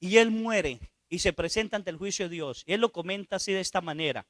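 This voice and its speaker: A man's voice: high voice, brisk, fairly bright tone, no echo, clean studio sound. A male priest preaching, telling a story and asking the congregation questions as he goes. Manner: storytelling, asks the audience questions. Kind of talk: sermon.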